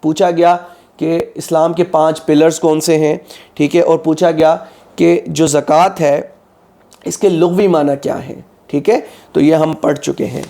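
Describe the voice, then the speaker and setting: This man's voice is a little high, gravelly yet mellow, with fairly even intonation and an unhurried pace. A Pakistani exam prep tutor with a slightly sore throat, he lectures methodically, checks in with his students often, and keeps repeating "ठीक है."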